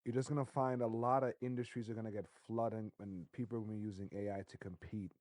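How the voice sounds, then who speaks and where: A man co-hosting a podcast, chatting casually and bursting into excited, loud stretches. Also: fairly low pitch, quick pace, no room sound, studio quality. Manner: excitable, jumps into loud bursts, laughs often. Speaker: podcast co-host. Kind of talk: casual chat.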